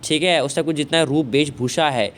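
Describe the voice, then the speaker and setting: A man's voice: fairly high pitch, normal speed, a bit bright. A man teaching a poetry lesson, repeating himself, asking and answering his own questions, with frequent fillers of "thik hai" and "bhai". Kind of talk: explaining a Hindi poetry lesson. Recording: faint background noise.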